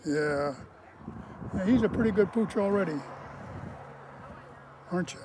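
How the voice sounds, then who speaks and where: A man adopting a dog, talking to it slowly in a coaxing, folksy way. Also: high-pitched, background noise.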